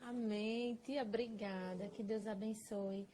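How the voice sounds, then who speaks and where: A woman's voice: medium pitch, fairly even intonation, takes it slowly, mellow. A woman hosting a live chat, thanking her guest effusively with religious phrases and laughing often. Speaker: host of a mothers' live chat. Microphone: phone or laptop on a live video call.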